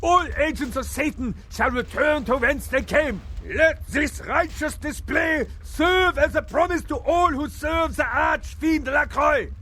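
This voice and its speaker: An actor playing a fanatical, wrathful religious vampire hunter in a video game, declaiming like a grandiose preacher. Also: male voice, extremely high pitch, measured pace, few pauses, pushed and bright, full character voice. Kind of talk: video game villain acting.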